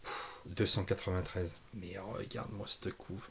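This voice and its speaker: A man's voice: low-pitched, steady tone, a little slow, gravelly, husky. A man hosting a comics channel, chatting casually through an unboxing, enthusiastic and thinking aloud with lots of fillers.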